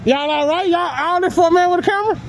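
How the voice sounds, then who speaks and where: A man's voice: very high voice, fast, slight background noise, low-quality recording. A man filming police on a public sidewalk, taunting and mocking them in confrontational street talk, laughing often, picked up by the handheld camera he films with.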